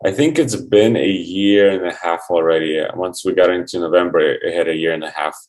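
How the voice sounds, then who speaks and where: A man from Ukraine, a guest in a casual online interview, relaxed and friendly with many fillers. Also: sits low, fairly quick. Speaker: guest, QA engineer.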